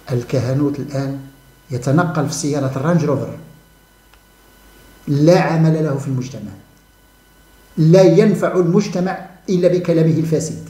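Man, Moroccan accent, fervent mocking monologue, rapid delivery, echoey room. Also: a little high, warm tone. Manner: fervent and mocking, repeats phrases, breaks into scornful laughter. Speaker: channel host giving commentary. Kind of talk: impassioned monologue.

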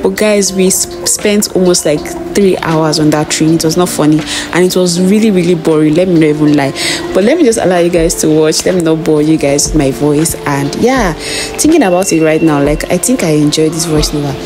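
Nigerian girl in her 20s doing a chatty vlog voiceover, lowish voice, loud music under it. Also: brisk. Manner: chatty, confiding, full of fillers like "you know". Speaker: vlogger. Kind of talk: casual voice-over narration. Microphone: phone or recorder voice-over. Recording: voice-over with loud music behind.

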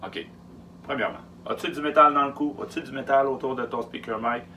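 Through a face mask, a man in his thirties with a Quebec French accent gives emphatic, informal tips as a film production logistics technician. His mid-range voice holds a steady yet sharp tone, and he repeats key words and pauses hesitantly. He stands in a small wooden-lined storage truck, and the recording picks up faint hum and background noise.

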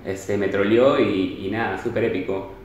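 A man's voice: fairly low pitch, fairly even intonation, moderate pace, highs cut off. A man, explaining himself casually and apologetically, with many fillers. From Peru. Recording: very echoey room.

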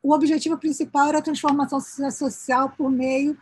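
A woman giving an academic conference presentation over a video call, peppering her sentences with little tag questions and restarting phrases as she rushes to finish in time. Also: high-pitched, level tone, a little mellow, no room sound. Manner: sprinkles "né" fillers and restarts mid-phrase; hurried toward the end of her time.

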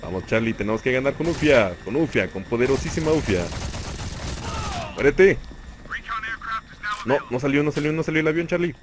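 A young man with a Mexican Spanish accent giving excitable play-by-play commentary on a shooter game, talking to himself and laughing often. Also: mid-range voice, quick pace, few pauses. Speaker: gaming channel host. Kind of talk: live gameplay commentary. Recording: noisy game audio behind voice. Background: gunfire and game sounds.

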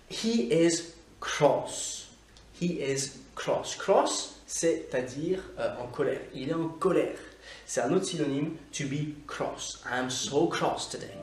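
A man teaching English in a casual video lesson, talking in a chatty way with many fillers and slowly drawing out the English example phrases. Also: mid-range voice, reverberant, recorded from a distance.

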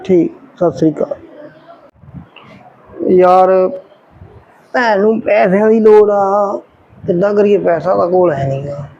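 This is a bullying husband in an amateur family drama, played by a man. His voice is strikingly high. He gives bossy, threatening commands. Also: creaky, warm tone, muffled recording, slight background noise, heavily acted. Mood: worried.

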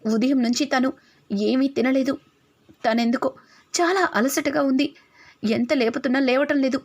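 A woman's voice: sits high, steady tone, unhurried, a little mellow. A woman voicing an anxious, bossy young husband who speaks urgently.

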